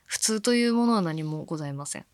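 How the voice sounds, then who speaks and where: A woman from Fukuoka hosting a radio show, chatting casually and musing aloud, with soft-spoken asides between her points and listener mail. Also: on the low side, expressive, fast, no room sound. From Fukuoka, Japan. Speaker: radio host.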